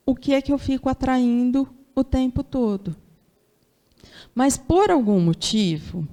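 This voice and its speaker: A woman from Brazil lectures at a Sunday spiritual gathering in a fairly high, mellow voice, with an interior São Paulo accent. She talks conversationally and keeps putting rhetorical questions to her listeners. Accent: São Paulo interior Brazilian Portuguese.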